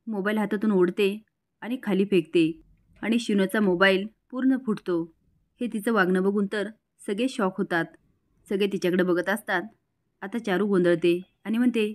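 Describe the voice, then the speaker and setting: A woman retelling the events of a serial episode in brisk, plain narration. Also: medium pitch, steady tone. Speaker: storyteller.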